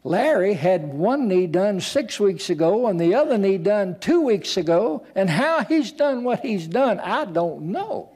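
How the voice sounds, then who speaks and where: Dramatic preaching man, slow and deliberate. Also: sits high, big pitch swings, darkish tone. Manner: dramatic preaching, acting out quoted voices. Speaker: pastor. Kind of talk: sermon. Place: church.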